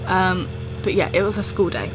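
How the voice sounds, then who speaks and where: A woman's voice: fairly low pitch, expressive, normal speed, music in the background, low-quality recording. A young woman telling a personal story in a casual, rambling chat, often interrupting herself as she goes. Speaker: storytelling video creator.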